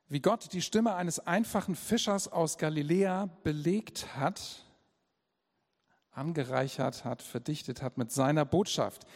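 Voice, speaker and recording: Slow-preaching man in a reverberant church. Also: on the high side, darkish tone. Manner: slow, deliberate preaching with repeated phrases. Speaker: pastor. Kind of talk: sermon.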